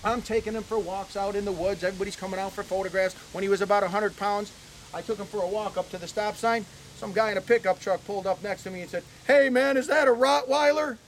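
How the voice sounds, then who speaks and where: A man's voice: high voice, little pitch movement, quick pace, slight background noise. A man telling folksy stories to visitors while giving an outdoor tour of his animal ranch, chatty and full of "okay?" asides. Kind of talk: casual storytelling to visitors. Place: outdoors on a ranch near a barn.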